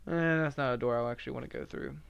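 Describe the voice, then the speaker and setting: A man live-streaming a game, chatting casually in a self-described monotone with lots of filler words. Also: mid-range voice, racing, creaky, smooth, dull audio. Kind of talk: casual live-stream chat while playing.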